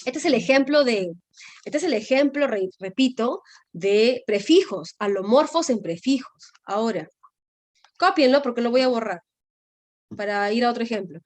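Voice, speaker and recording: Higher-pitched woman teaching, dry close sound. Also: animated, normal speed, darkish tone, no room sound. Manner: explains patiently, checks often with "¿sí?" and "¿no?". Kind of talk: online class lecture.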